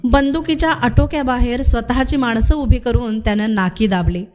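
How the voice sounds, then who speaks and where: Woman reading a novel aloud, slightly high voice. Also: a little mellow. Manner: measured, dramatic storytelling. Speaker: narrator.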